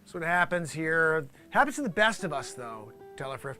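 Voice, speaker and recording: A man's voice: a little high, sing-song, moderate pace, pushed and bright, faint music behind. A man improvising a mock live weather report as a flustered, aggrieved TV reporter, rambling and complaining in exasperation. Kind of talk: improvised mock news report, ranting monologue.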